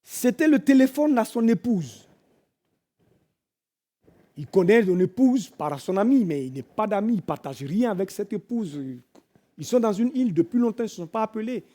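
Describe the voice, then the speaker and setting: A man with a French accent preaching in church, telling a story dramatically, moving from hushed tones to loud cries and bits of sung hymn. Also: sits high, lively intonation, moderate pace. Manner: dramatic storytelling, swelling from hushed to shouting and singing. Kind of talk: sermon storytelling.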